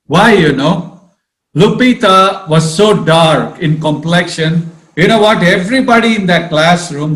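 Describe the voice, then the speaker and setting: A man's voice: fairly high pitch, fairly bright tone. A man, a priest, giving a sermon-style talk and telling stories, often calling his listeners friends. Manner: storytelling, addresses listeners as friends. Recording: roomy echo.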